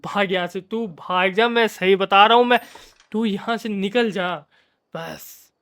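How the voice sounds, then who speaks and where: A man's voice: high-pitched, measured pace, fairly bright tone, clean tone. A man giving casual, jokey commentary while playing a game, playfully scolding the characters on screen. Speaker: gamer.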